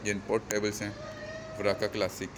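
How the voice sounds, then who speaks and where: A man's voice: on the low side, monotone, quick pace, background noise. A young man from Pakistan showing off a snooker club at night in a chatty, promotional way, filming on a handheld phone. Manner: chatty, promotional, pointing things out. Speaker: snooker table maker. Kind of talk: phone-filmed walkthrough vlog. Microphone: phone camera held close.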